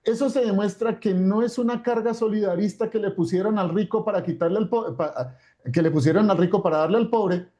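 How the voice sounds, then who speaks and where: A man's voice: high voice, brisk, dark tone. A man lecturing off the cuff as an expert, explaining step by step and repeating phrases for emphasis. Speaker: expert speaker.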